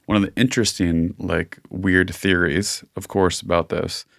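Gravelly deep-voiced man chatting casually. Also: flat delivery, normal speed, fairly bright tone, no echo, clean studio sound. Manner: rambling, many "like" fillers, enthusiastic. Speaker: podcast co-host. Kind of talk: casual chat.

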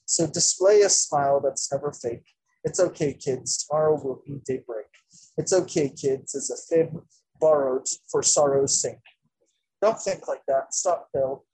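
A man's voice: fairly high pitch, a little slow, mellow, breathy edge. A man whose voice is muffled by a face mask, performing rhyming spoken-word poetry at an open mic from inside a train. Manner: rhythmic, rhyming recitation.

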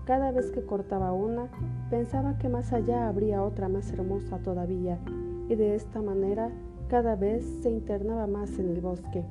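A woman's voice: mid-range voice, steady tone, moderate pace. Woman storyteller over music. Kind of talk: scripted fairy-tale narration. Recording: music behind the voice.

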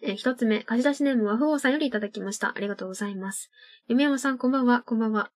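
A woman's voice: a little high, rapid-fire, faint music behind. A young woman hosting her own internet radio show, chatting casually and laughing at her own tongue-twister slips. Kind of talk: casual solo radio talk.

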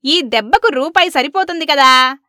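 A sharp-witted court poet who turns a minister's own logic against him, as a woman narrator puts him on. He talks in a wry, mock-innocent tone, with a lively, high voice. The sound is dry and close. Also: moderate pace, no echo. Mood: brisk. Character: clever, witty male court poet.

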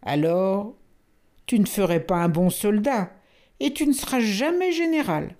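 A woman's voice: medium pitch, lively intonation, a little slow, a little mellow, close to an everyday voice. A woman voicing an eager young male elephant calf in a storybook, earnest and admiring.

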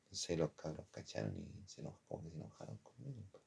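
A man's voice: extremely low pitch, huge pitch swings, quick pace, vocal fry, a little mellow, slightly rough. A man with a Chilean accent telling a personal story from his design studies in a rambling, slangy way, often calling the listener "compadre". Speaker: former design student.

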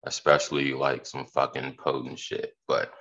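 A man's voice: very deep voice, completely flat delivery, moderate pace, fairly bright tone, highs cut off. A hungover man hosting a podcast in loose, slangy, profane, rambling casual chat. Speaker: podcast host.

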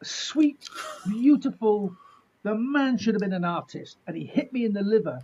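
A man's voice: high voice, lively intonation, moderate pace, warm tone, breathy edge, lo-fi sound. A middle-aged man, telling anecdotes in casual chat in a jokey, self-deprecating, mildly sweary way. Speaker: martial artist being interviewed.

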